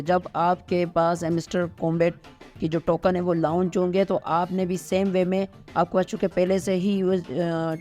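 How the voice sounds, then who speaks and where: A man's voice: high voice, darkish tone. A man with a Pakistani Urdu accent, walking viewers through a screen tutorial step by step and checking in often. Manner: step-by-step instructing, frequent "theek hai" check-ins. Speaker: host of a crypto tutorial. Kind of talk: screen-recorded tutorial walkthrough.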